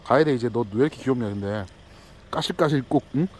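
A man's voice: medium pitch, fast, a little mellow. A male delivery driver in a casual vlog, cooing and teasing two small dogs outdoors in baby talk. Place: outdoors at a house yard.

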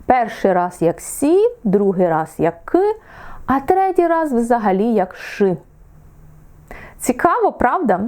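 A woman from Ukraine teaching English pronunciation in an online lesson, encouraging her students and drawing out each example word slowly. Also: fairly high pitch, very animated, darkish tone.

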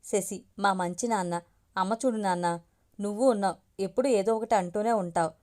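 A woman's voice: medium pitch, fairly quick, a little mellow, lightly acted. A woman voicing a chatty college girl. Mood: playful. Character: young college girl, playful daughter.

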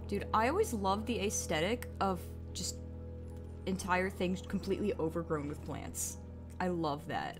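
Chatty woman streamer with lively pitch. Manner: chatty, giggly, self-mocking asides. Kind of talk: casual gameplay commentary. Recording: game music behind the voice. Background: game soundtrack music.

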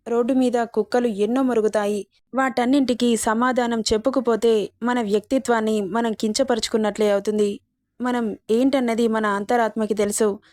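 A loving, protective old grandmother speaks in a soothing, consoling way, as a woman reads her part. The storybook voice is somewhat high and sounds dry and close. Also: darkish tone, no room sound, lightly acted.

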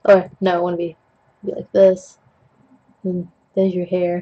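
Painting at his desk, a young adult who hosts digital art tutorials rambles jokily, punning, making fun of himself and coughing occasionally. He speaks in a monotone, mid-range voice that's unhurried and slightly rough. His webcam mic at home cuts off the highs.

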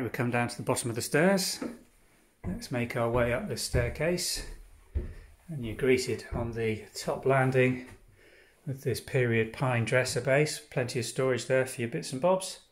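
Walking visitors through his holiday cottage room by room, the owner speaks at a medium pitch. His tour is relaxed and descriptive, listing things one at a time with pauses in between.

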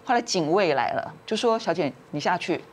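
A woman's voice: fairly low pitch, expressive, fairly quick, husky. A woman, a talk show guest telling a family story and acting out the quarrels in raised voices.

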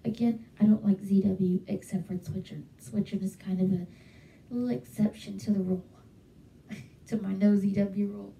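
A young woman with a medium-pitched, gravelly, warm voice vlogs casually to the camera from her small bedroom at home, chatty and enthusiastic, with lots of fillers. Her tone stays steady and her pace moderate. She uses a close handheld mic and a webcam, yet the recording sounds distant, with a roomy echo.

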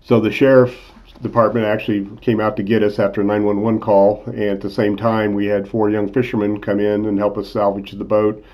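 Recorded first in a car and then as voice-over, an easygoing sixty-something accountant who hosts a channel recounts a fishing trip, full of "uh" fillers. He talks low, flat, and a little fast with few pauses, and the highs are cut off.

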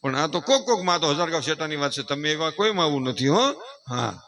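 A man's voice: on the high side, expressive, quick pace, fairly bright tone. A middle-aged man giving a folksy moral talk to an audience, playfully acting out family voices and rising into emphatic declamation. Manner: playful, acts out voices of mothers and family members. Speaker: folk speaker addressing an audience.

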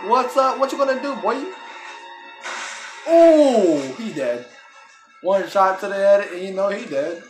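Excitable, swearing man yelling at a game. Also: high-pitched, normal speed, poor audio. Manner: loud, laughing outbursts. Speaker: gaming channel host. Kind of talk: live gameplay commentary. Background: faint game music and sounds.

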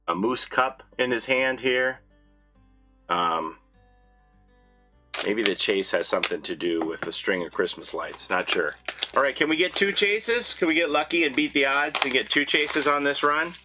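A man who vlogs about collecting toys, chatting casually as he unboxes, swinging between excited highs and low muttered asides. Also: moderate pace, faint music behind. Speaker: toy collector vlogger.

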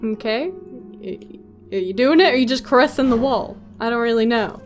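High-voiced, wry young woman gaming. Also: animated, moderate pace, soft background music. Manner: wry, sarcastic. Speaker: let's play host. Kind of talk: casual gaming commentary.

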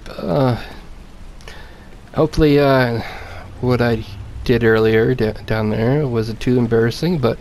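A man's voice: medium pitch, measured pace, darkish tone, a little hiss or hum. A man commenting casually on a horror game he is playing, talking nervously to himself and his viewers and repeating phrases. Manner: nervous, jittery self-talk, repeating himself and addressing viewers. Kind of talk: casual let's-play commentary.

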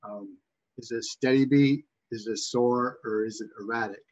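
A man with a Boston accent teaches in an informal lecture style. His mid-pitched voice is somewhat husky, and he often pauses and doubles back. The audio is dull and muffled, like a webcam microphone. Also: steady tone, darkish tone. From Massachusetts, USA. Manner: halting, backtracking delivery. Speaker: bird identification instructor.

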